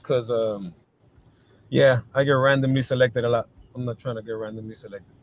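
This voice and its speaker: Man from colombia, guest in a casual interview, thoughtful, pauses and restarts. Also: medium pitch, fairly even intonation, slight background noise. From Colombia, raised in Miami.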